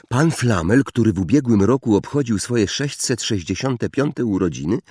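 Low husky male storyteller. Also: dry recording, studio quality. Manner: expressive, voices each character. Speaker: audiobook narrator. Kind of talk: scripted storybook narration.

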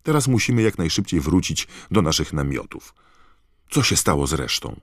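A man voicing a tired, impatient middle-aged father who speaks briskly and curtly, in an audiobook. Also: rumbling low, sing-song, dry recording, clean studio sound, pitched above the performer's own voice, full character voice. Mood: urgent. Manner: brisk, clipped.

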